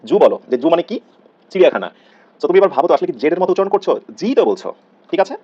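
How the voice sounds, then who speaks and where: A man with a Bangladeshi Bengali accent leads a live online grammar class at a brisk clip. He is earnest and drills each sound by repeating it, switching into English words now and then. The recording is a little dull and lo-fi. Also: on the high side, very animated, mellow, husky. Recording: slightly dull, lo-fi audio.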